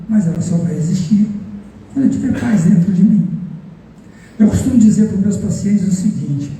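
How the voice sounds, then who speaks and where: Brazilian male psychoanalyst, high-pitched, mellow voice, playful lecturer quizzing the crowd. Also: a little hiss or hum. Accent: Brazilian Portuguese. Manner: playful, joking, questions the audience. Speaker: psychoanalyst giving a public talk. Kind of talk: interactive lecture with guided imagery. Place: event hall with audience. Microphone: recorded from a distance. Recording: echoey hall from far off.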